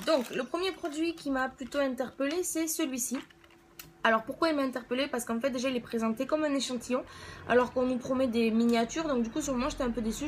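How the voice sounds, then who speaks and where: High-pitched woman. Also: a little hiss or hum. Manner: hesitant, conversational, thinking aloud. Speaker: beauty vlogger reviewing products. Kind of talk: casual spoken product review.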